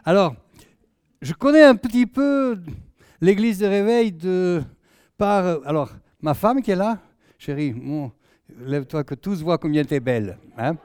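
A man's voice: sits high, lively intonation, measured pace, a little mellow, clean tone, no echo, clean studio sound. Jovial older man, southern French accent. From southwest France. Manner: chatty, jovial, often trailing off with "hein". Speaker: guest preacher. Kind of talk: sermon introduction with anecdotes.

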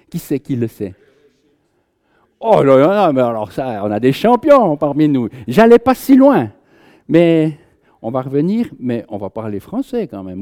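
A man's voice: mid-range voice, dark tone. A man giving an informal Bible teaching to a group, conversational, joking with listeners and often restarting his sentences. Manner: conversational, jokes with the audience, many restarts. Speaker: preacher.

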